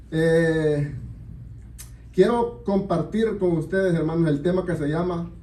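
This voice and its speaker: A man preaching in a church, his voice a little high but mellow and warm. He sits away from the mic, so the room's echo carries every phrase as he speaks steadily and keeps turning to the congregation. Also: slight background noise. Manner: measured, repeated address to the congregation. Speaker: pastor. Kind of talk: sermon. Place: church hall. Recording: echoey church from far off.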